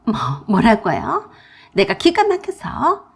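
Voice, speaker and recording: A woman's voice: sits high, sing-song, a little mellow, husky, exaggerated voice. A woman voicing a selfish young sister-in-law who whines and flares up, in a radio drama. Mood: indignant, shrill. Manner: whiny, demanding, quick to flare.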